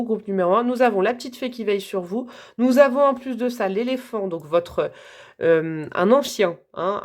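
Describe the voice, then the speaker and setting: A woman giving a live tarot reading to her viewers, chatty and gentle, with frequent asides and little laughs. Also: mid-range voice. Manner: softly calm, gentle delivery. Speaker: tarot reader.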